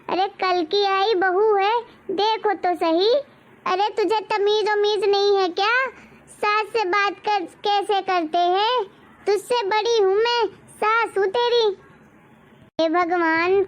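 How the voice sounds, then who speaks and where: A woman voicing a nagging, strict middle-aged mother-in-law in a cartoon story, scolding with dramatic exclamations. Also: very high-pitched. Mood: outraged.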